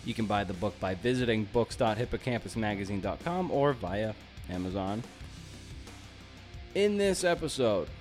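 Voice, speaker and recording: A man hosts a podcast, handling the intro and interviewing in a punchy, emphatic way with playful exclamations. His voice is on the low side with a darkish tone.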